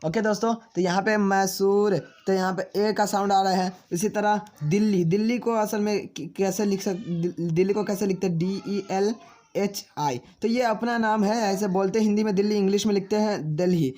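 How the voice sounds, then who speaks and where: A man teaching a spelling lesson, spelling names out slowly letter by letter and answering his own questions as he addresses viewers as friends. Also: sits high, steady tone, darkish tone.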